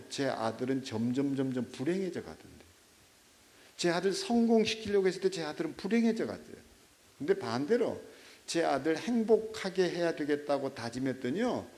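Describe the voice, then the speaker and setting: A middle-aged male pastor delivering a sermon in a fairly high voice. His pitch swings widely as he tells stories with animation, turning to check in with his listeners through quick rhetorical questions. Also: a little mellow.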